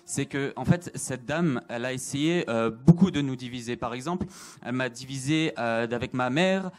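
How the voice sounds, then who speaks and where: A man's voice: mid-range voice, moderate pace, a little mellow. A man giving an earnest religious testimony, repeating phrases and hesitating with fillers. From Italian. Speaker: testimony speaker.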